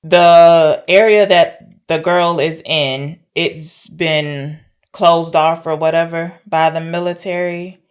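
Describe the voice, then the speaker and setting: On a podcast she co-hosts, a woman discusses films in a relaxed way, thinking out loud. She has a deep, clean voice with fairly even intonation and a slow pace.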